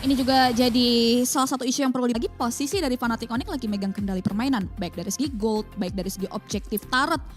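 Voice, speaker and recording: A woman with an Indonesian accent giving analytical esports commentary, mixing in English gaming terms. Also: on the high side. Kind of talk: analytical game match commentary.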